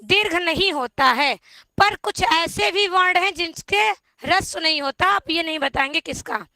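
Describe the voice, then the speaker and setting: Slow, high-voiced woman teacher quizzing viewers. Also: bright, forceful tone, no room sound. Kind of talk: exam-prep lesson on Hindi grammar.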